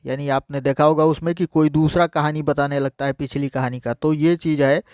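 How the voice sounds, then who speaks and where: Male teacher, fairly high, crisp tone, dry close mic, repetitive explainer for exam prep. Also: steady tone, brisk, darkish tone, dry recording. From India. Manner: explains each point by repeating it in Hindi, addresses viewers as friends.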